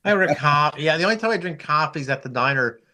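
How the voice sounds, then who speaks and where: A man co-hosting a casual podcast who trades deadpan wisecracks with his friends. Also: fairly high pitch, racing. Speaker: podcast co-host. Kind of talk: casual banter among friends.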